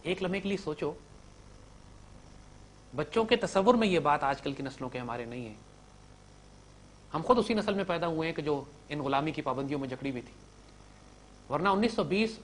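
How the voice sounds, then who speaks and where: A man giving an impassioned lecture to young listeners, swinging from loud emphatic peaks to low drops and mixing in English words. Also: lively intonation, fairly quick, pauses often, a little hiss or hum. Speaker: speaker addressing young listeners.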